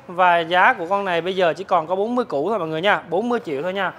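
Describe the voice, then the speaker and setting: A man, a motorbike dealer, giving a hard-sell promotional sales pitch to viewers, repeatedly rattling off prices. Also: racing, a bit bright. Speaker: motorbike dealer presenting his stock. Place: large open-sided metal-roofed motorbike warehouse.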